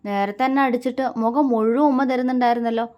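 A woman's voice: fairly high pitch, steady tone, quick pace, a little mellow, natural voice. A woman voicing a playful young husband who teases his wife with mock sternness. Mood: teasing. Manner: teasing, mock-stern, demanding.

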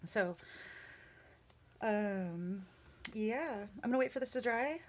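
A woman chatting casually at her craft desk as she works on a journal page, rambling with lots of fillers and small laughs, and sometimes muttering quietly to herself. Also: medium pitch, animated, slow pace. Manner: mutters softly to herself while working. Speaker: craft vlogger. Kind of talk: casual chat while crafting. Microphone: camera on the work desk.

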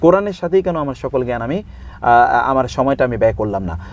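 A man speaking as a religious scholar in an interview, explaining scripture in steady listed points, reciting verses in Arabic and dropping in English words. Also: mid-range voice, brisk. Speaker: Islamic scholar guest.

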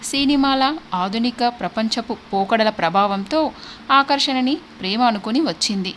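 Woman storyteller, high voice. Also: normal speed, slight background noise. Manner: steady, expressive storytelling. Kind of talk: audiobook narration.

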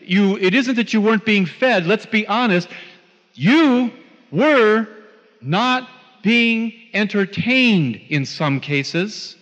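A man with a high voice tells stories to a live audience, leaning hard on repeated phrases for emphasis. His voice carries a long hall reverb, and the recording sounds dull and lo-fi. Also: animated, takes it slowly, a bit bright. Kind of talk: storytelling talk to a live audience.

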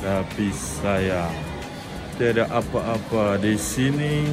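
A man's voice: on the low side, slow. A young Malaysian man casually vlogging a family road trip, filming himself on a phone at arm's length. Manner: chatty, guiding the viewer on a family road trip. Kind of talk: casual travel vlog. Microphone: phone camera held at arm's length. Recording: loud music bed under the voice.

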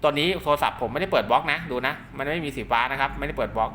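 A man gives an informal, hands-on demonstration of equipment. His voice is bright and forward, and he talks quickly, circling back over points with frequent polite tags. Some noise sits behind the voice. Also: mid-range voice. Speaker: product demonstrator and maker of radio link cables. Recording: clear background noise.

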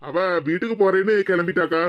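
A woman voicing a humble, apologetic younger man of the family in an animated cartoon, speaking a southern Tamil Tirunelveli-Kanyakumari dialect in a deferential way. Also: lowish voice, fast, lo-fi sound, heavy background noise, close to an everyday voice.

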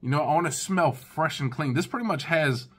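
Speaking a little high and fairly fast, with a breathy edge, a man in his thirties reviews fragrances on first impression. He talks casually and directly to his viewers from his living room.

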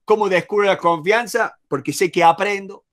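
A man's voice: sits high, normal speed, fairly bright tone. A man with an Argentine accent teaching a negotiation class, emphatic and repetitive, acting out short examples. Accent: Rioplatense Spanish. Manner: emphatic, repeats key words, acts out examples. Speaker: negotiation trainer. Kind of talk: lively online masterclass.

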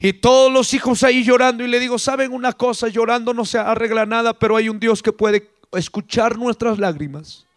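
A man from Peru preaching a fiery sermon with a Peruvian accent at a church service, breaking into shouted rising bursts and acted-out voices, then dropping to low quiet asides. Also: fairly even intonation, a little fast, no room sound, studio quality. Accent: Peruvian Spanish. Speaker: pastor.

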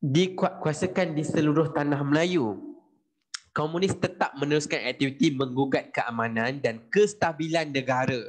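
A man's voice: on the high side, normal speed. A man with a Malaysian Malay accent teaching a history class over a video call, quizzing his students and mixing in English phrases. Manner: lively, asks students questions, mixes in English. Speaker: history tutor. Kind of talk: online class lecture.

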